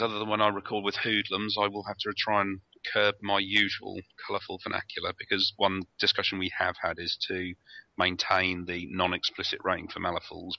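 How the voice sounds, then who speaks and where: Deep gravelly man, cheeky. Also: little pitch movement, brisk, bright, forceful tone, poor audio. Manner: joking, cheeky. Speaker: podcast co-host. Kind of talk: casual chat.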